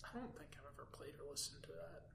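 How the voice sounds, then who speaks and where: Man, higher voice, hesitant, thinks out loud, tabletop game chat, distant mic, echoey room, faint noise. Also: lively intonation, fast, gravelly. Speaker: tabletop player.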